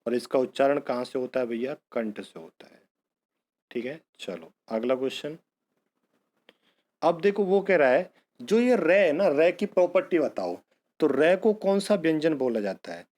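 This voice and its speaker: A man's voice: a little high, expressive, normal speed, a little mellow. A man teaching an exam-prep grammar lesson, who asks a question and then answers it himself, calling his students bhaiya and beta.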